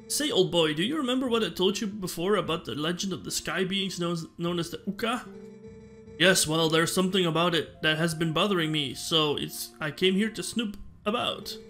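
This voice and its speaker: A man reading aloud the lines of a polite, chatty young gentleman scholar from a video game. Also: sits high. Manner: reads game text aloud in a mostly plain voice.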